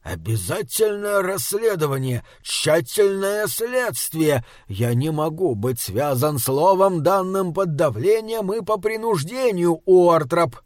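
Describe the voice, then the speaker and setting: A stubborn, indignant constable protests and insists in a raised voice, as a man reading an audiobook puts him on. His delivery is forceful, and the recording is dry and close. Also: high-pitched, animated, slow pace, few pauses, no echo, pitched above the performer's own voice.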